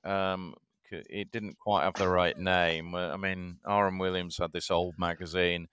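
Deep-voiced man with a Yorkshire accent. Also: flat delivery, moderate pace, a bit bright, a little hiss or hum. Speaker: podcast guest. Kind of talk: casual chat.

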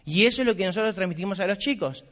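High-voiced man giving a motivational speech. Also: lively intonation, rapid-fire, fairly bright tone. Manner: blunt, insistent, repetitive exhortation. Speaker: business mentor. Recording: long reverb of a hall.

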